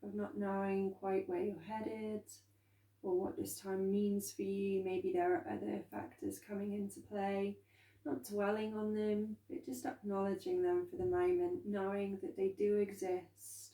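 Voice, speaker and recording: A woman instructor leading a calm grounding meditation, speaking gently and unhurriedly with soft pauses. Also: mid-range voice. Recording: roomy echo, distant from microphone.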